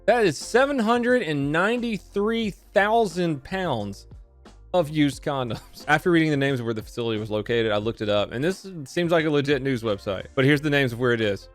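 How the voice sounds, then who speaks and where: A man in his thirties hosting a jokey, sarcastic recap of odd police news stories, reading headlines aloud and riffing on them. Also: a little high. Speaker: host.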